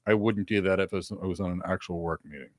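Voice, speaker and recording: Deep-voiced and fast-talking, a man helps co-host a live career question session via desk webcam on a video call. He sits in a home office with several monitors, repeating short, earnest pieces of advice, and there's no room sound.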